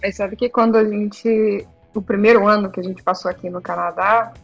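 A woman's voice: medium pitch, little pitch movement, normal speed, vocal fry, highs cut off, faint music behind. A woman, reminiscing casually with friends. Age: 30s. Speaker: podcast co-host. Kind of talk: casual chat among friends.

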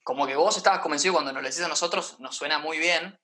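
A man's voice: a little high, rapid-fire, pushed and bright. A man co-hosting an interview, asking a tentative, rambling question. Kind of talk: casual interview.

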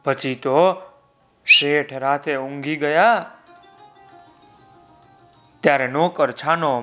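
A man with a high voice tells a children's story at an easy, slow pace. He talks straight to the young listeners in a lively way, with faint music underneath.

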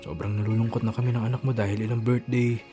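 A man's voice: mid-range voice, flat delivery, quick pace, natural voice. A man playing a loving, anxious husband and father in a radio drama, speaking in an earnest, coaxing, conversational way. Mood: disappointed, pleading. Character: loving, anxious Filipino husband and father, lonely for his wife. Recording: background music under the voice.

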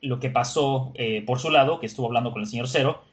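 A man hosts a podcast and walks through an episode in loose, conversational speech. He laughs often and fills his pauses with small hesitation words. His voice sits at an ordinary middle pitch for a man. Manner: chatty, laughs often, frequent filler words. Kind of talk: casual episode recap.

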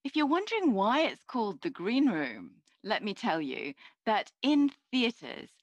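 A woman's voice: fairly high pitch, sing-song, a little slow, no echo, lo-fi sound. Woman's live interpreter voice, dry and close. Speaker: live interpreter voicing a signing podcast host. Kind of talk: live interpreter voice-over of sign language.

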